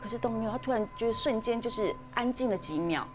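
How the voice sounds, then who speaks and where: A woman's voice: a little high, lively intonation, quick pace. A woman, hosting a podcast and dramatically telling a ghost story, with frequent fillers and restarts. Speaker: podcast host. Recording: podcast with music underneath.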